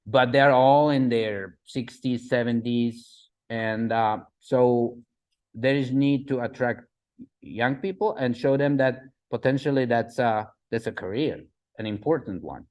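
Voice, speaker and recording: A man in his forties from the Republic, giving a slide talk as a guest speaker, halting with fillers and often asking "right?". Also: mid-range voice, darkish tone. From Czech Republic. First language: Czech. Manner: halting, many fillers and restarts, asks "right?". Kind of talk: presentation with slides.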